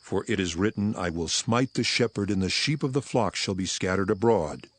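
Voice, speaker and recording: An actor playing Jesus as a solemn, authoritative teacher in a dramatized scripture reading, with measured, weighty delivery. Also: male voice, low voice, expressive, a bit bright, no room sound. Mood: solemn, prophetic. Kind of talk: dramatized scripture, archaic English. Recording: voice over prominent music.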